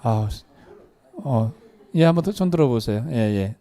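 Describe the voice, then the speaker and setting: A man's voice: medium pitch, animated, a little slow, warm tone. A man lecturing a live meditation class, asking the audience questions and leading them through exercises. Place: meditation hall.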